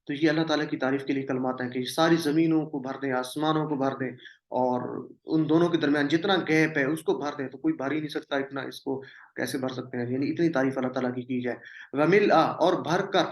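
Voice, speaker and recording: A Quranic Arabic teacher gives a classroom language lesson in a steady, medium-pitched male voice with a reverberant sound. He speaks patiently, drilling each word and its meaning through repetition, and mixes English terms into his explanation.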